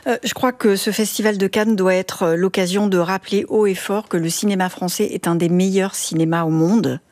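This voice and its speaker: A woman's voice: mid-range voice, fairly even intonation, brisk, darkish tone, no echo. A woman speaking as a panelist on a radio debate, hesitant with many fillers but emphatic.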